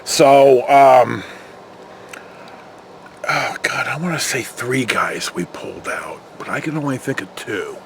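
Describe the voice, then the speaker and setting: Creaky and medium-pitched, the older American man takes his time as he rambles through casual anecdotes, voicing the dialogue himself and cursing along the way. He's a former security patrol officer, and the recording carries a little hiss or hum.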